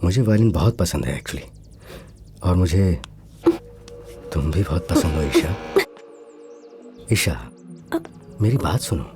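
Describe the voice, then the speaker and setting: A man's voice: low voice, animated, takes it slowly, pauses often, music in the background, exaggerated voice. A man dubbing the role of a lecherous, menacing official in a film, speaking in an oily, threatening, bossy way. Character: lecherous, menacing male official, middle-aged. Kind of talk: Hindi film dub.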